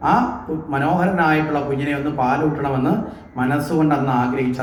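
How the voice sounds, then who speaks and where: A man's voice: mid-range voice, roomy sound, slight background noise. A man giving a devotional scripture discourse at a temple, often asking the listeners questions and answering them himself. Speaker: religious discourse speaker. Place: temple hall.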